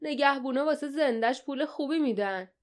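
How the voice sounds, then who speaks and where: A woman's voice: high voice, pitched above the performer's own voice, natural voice. A woman narrator voicing a greedy male pirate in an audiobook, barking out his schemes. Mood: scheming.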